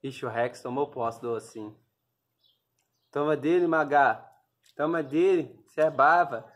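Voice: medium pitch, measured pace. A person, filming pets at home on a phone, coaxing and cooing at puppies in a playful, chuckling way. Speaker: pet video maker.

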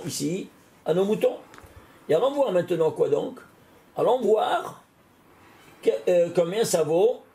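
A man's voice: a little high, gravelly. A man, a rabbi, teaching a recorded Torah class, putting questions to his listeners and answering them himself. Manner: asks questions and answers them himself, animated rise and fall.

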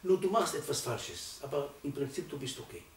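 A man's voice: on the high side, lively intonation, a little fast. Elderly male rabbi in his eighties, emphatic Torah sermon, heard from a distance in a roomy space with faint background noise. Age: 80s. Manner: emphatic, swells from quiet to loud for stress.

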